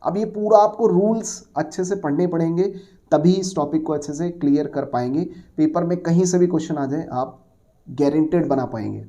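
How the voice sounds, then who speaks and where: A man's voice: fairly high pitch, moderate pace, mellow. A man teaching an exam-prep English grammar lesson. He explains patiently, asks the class questions and answers them himself, and mixes in English words and phrases.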